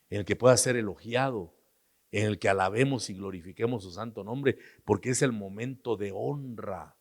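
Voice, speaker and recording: A man with a Guatemalan Spanish accent preaching a sermon as pastor, moving between hushed asides and sudden loud, high outbursts. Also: long reverb tail.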